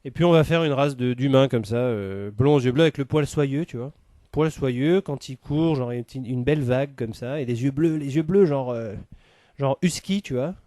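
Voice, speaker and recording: A man's voice: medium pitch, normal speed, warm tone, dry recording. Rambling, hesitant male comic storyteller. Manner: rambling, full of hesitations and fillers. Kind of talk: rambling comedic monologue.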